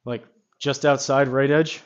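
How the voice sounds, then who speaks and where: A man giving casual golf simulator commentary, rambling as he thinks out loud. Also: mid-range voice, steady tone, unhurried, highs cut off.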